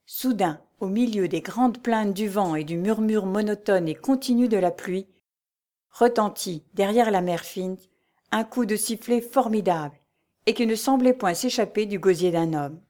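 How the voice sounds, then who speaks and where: A woman reading a historical adventure novel aloud as scripted narration. Her delivery is measured and even, with a mid-range pitch typical for a woman. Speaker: audiobook reader.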